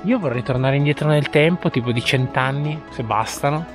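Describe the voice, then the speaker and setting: A man's voice: a little high, fairly quick. A man, talking casually as a vlogger outdoors on a hike. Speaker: hiking vlogger. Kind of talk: casual vlog chat. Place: outdoors on mountain trail. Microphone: action camera at arm's length. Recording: music behind outdoor talk.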